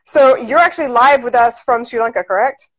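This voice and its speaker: A woman with a voice on the high side talks a little fast as she hosts a live video chat, casual and enthusiastic with lots of fillers. She's indoors in a small room, filming a phone selfie on a wired earphone mic, and the lo-fi live-stream audio sounds slightly dull.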